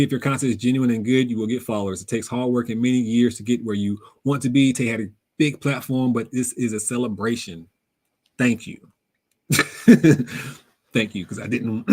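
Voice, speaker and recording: A young man hosting a casual live Q&A, reading viewer comments aloud and answering them in a relaxed, slangy way, laughing often. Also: on the low side, slightly rough. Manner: relaxed, conversational, drops words into everyday slang. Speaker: livestream host reading chat.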